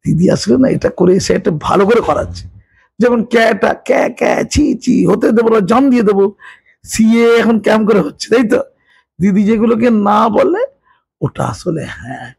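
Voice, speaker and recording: A man's voice: high-pitched, normal speed, creaky, a little mellow, husky. A man, giving an emphatic, sarcastic political interview and repeating his points. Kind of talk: heated political interview talk.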